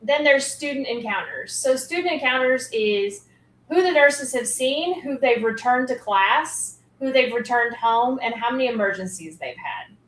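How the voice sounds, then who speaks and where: A woman's voice: high voice, lively intonation, moderate pace, a bit bright. A woman guest on a podcast, explaining school nursing work in an upbeat way with many fillers. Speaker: school health program guest. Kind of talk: casual interview chat. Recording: echoey room.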